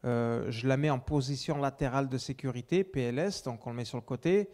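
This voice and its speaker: Dark-voiced man telling a testimony. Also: mid-range voice, brisk. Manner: storytelling with many restarts, swings between loud and hushed. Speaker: preacher giving a testimony. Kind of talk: personal testimony in a sermon.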